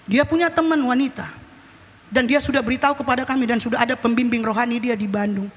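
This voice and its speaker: A woman's voice: fairly high pitch, quick pace. A middle-aged woman pastor, preaching emphatically and often calling out to the congregation. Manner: emphatic, repeats "saudara", bursts into shouting. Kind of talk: church sermon. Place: church sanctuary. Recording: reverberant church hall.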